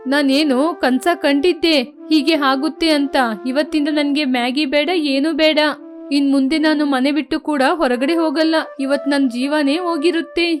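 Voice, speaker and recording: A woman's voice: sits high, fairly even intonation, moderate pace, soft background music, natural voice. A woman voicing a noodle-obsessed, silly young daughter-in-law who whines and complains. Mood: whining. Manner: whiny, complaining.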